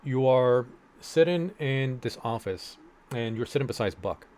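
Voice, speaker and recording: A man's voice: mid-range voice, lively intonation, measured pace, darkish tone. A man narrating a tabletop game as game master, with lots of fillers and restarts. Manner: hesitant, many fillers and restarts.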